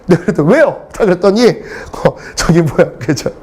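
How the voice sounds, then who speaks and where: With a high, husky voice and a darkish tone, a middle-aged English lecturer talks at a moderate pace. He's telling lively classroom stories, blunt and comic, with free swearing aimed at getting laughs.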